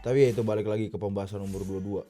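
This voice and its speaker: A man's voice: on the low side, steady tone, very fast, dark tone. A man in his twenties talking casually while he plays a game, rambling, swearing and breaking off to react to the match. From Indonesia. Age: 20s. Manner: slangy, swears often, breaks off mid-thought to react to the game. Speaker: streamer. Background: game music.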